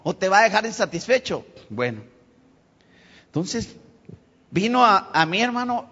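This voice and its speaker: Man, pastor, sermon, bright tense voice, long hall reverb, dull lo-fi stream. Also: high voice, big pitch swings, a little slow. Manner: preacher addressing the congregation as brothers, rising to emphatic peaks.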